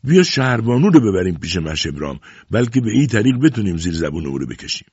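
A man voicing a boastful, meddling middle-aged village man who talks loudly and excitedly. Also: fairly low pitch, breathy edge, no echo. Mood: excited, pushy. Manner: loud, excitable, self-assured. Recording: dull lo-fi recording.

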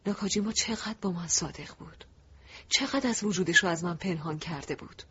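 A man narrating a first-person audiobook in a soft, reflective, emotive way. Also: high voice, husky. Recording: dull lo-fi recording.

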